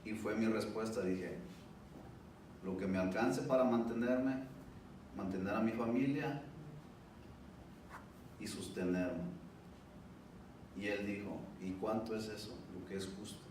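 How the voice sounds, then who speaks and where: Pausing often and keeping a measured pace, a man with a fairly low, slightly mellow voice and fairly even intonation gives a personal testimony in Spanish. It's a public event in an indoor room, picked up by a distant mic with strong echo and faint noise.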